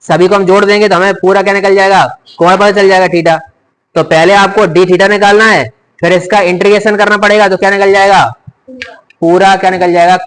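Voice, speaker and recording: A man's voice: sits high, flat delivery, fairly quick, a bit bright, smooth, low-quality recording. A man teaching a physics lecture in speech, constantly asking the class rhetorical questions and repeating key terms.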